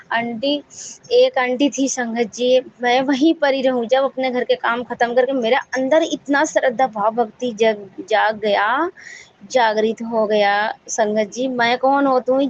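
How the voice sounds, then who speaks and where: A woman's voice: fairly high pitch, slight background noise. Earnest woman's devotional testimony. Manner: earnest, often addressing listeners as sangat ji. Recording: dull lo-fi audio.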